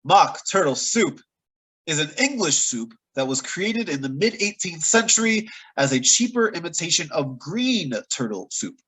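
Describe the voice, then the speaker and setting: Animated, chatty male podcast host. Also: on the high side, breathy edge, low-quality recording. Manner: animated, chatty, playfully exaggerated. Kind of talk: casual episode recap.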